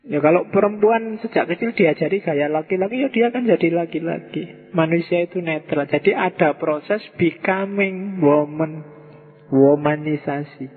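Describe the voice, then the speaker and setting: A man's voice: high-pitched, breathy edge. A man with a Javanese accent giving a casual philosophy lecture, joking and asking the audience rhetorical questions. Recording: echoey hall over a tinny lo-fi line.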